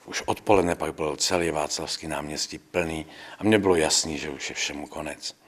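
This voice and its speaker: What sounds like an interview features an older priest sharing his memories. He speaks calmly and with conviction, his voice deep and husky. When quoting others, he takes on their voices as he tells the story.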